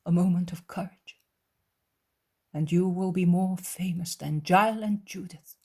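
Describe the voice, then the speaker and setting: A woman voicing a gentle, calm Jesus in a soft, hushed, tender way. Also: fairly low pitch, measured pace, breathy edge.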